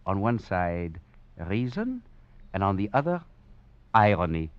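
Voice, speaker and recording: A man with a low, very animated voice speaks unhurriedly as a sly escaped prisoner in a 1940s radio drama. He chuckles wryly and narrates his tale theatrically, and the dull vintage radio recording carries faint music.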